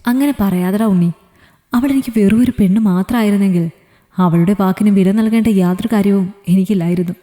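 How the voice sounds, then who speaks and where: A woman's voice: mid-range voice, a little fast, mellow, natural voice. A woman storyteller voicing a young man who pleads and jokes with his fiancée, in a reverberant room. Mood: earnest. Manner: pleading, joking. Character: young man, loving and gently teasing fiancé.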